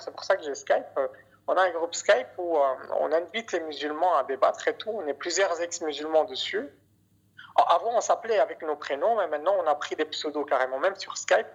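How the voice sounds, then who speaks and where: Guest on a muffled Skype line: man from Afghanistan, husky and hesitant, testifying in a news report. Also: on the high side. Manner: hesitant, keeps adding "en fait". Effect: heard over a Skype call. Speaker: interview guest. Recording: muffled internet call audio.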